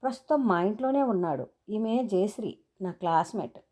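A woman's voice: medium pitch, animated, normal speed, dark tone, lightly acted. A woman voicing a chatty young female student who talks in a breezy, friendly way.

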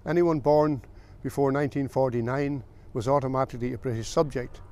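An older man from the south of Ireland, a farmer recalling his family's history in a plain, unhurried way with small pauses. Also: mid-range voice, steady tone, darkish tone. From south of Ireland, County Meath. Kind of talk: oral history recollection.

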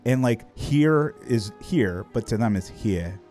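A man's voice: medium pitch, animated, measured pace, dark tone, soft background music. A man streaming and chatting casually, rambling and swearing offhandedly. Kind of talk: casual chat.

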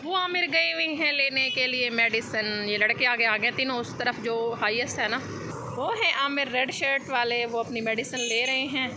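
High, chatty young woman vlogger, phone-recorded with clear background noise. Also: normal speed. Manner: chatty, baby-talk with child and cats. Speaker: vlogger and mother. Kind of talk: casual family vlog chat.

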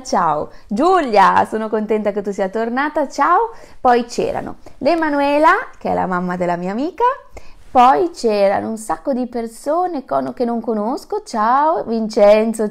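A woman telling fables to children on a live stream, chatting with viewers and greeting them by name. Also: mid-range voice. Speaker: storyteller for children. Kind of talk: live-streamed storytelling for kids.

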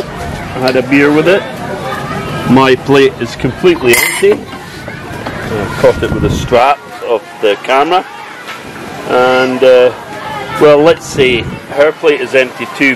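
Man, 50s, casual travel vlogger talking into an arm's-length camera outdoors; heavy background noise and crowd. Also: medium pitch. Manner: chatty, filler-heavy with frequent "uh". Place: outdoor beach resort. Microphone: handheld camera at arm's length.

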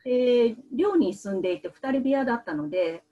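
A woman in her thirties who works as a medical translator, answering interview questions in a soft, hesitant way with many fillers. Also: fairly high pitch, expressive, a little fast, lo-fi sound.

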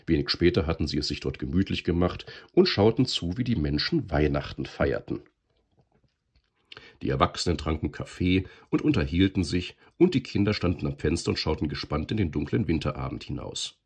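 Guy reading a storybook, deep husky voice, lots of up and down. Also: a little fast. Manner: lively, expressive reading.

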